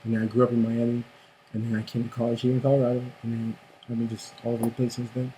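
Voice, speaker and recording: Laid-back young male guest from Haiti, mid-pitched, relaxed and agreeable, with faint room noise around him. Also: very fast, low-quality recording. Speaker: guest musician. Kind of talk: casual interview chat.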